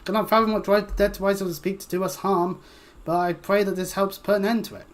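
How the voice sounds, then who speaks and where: A woman's voice: medium pitch, steady tone, fast, close to an everyday voice. A woman reading a pious old-fashioned village elder. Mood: solemn. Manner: old-fashioned, solemn phrasing.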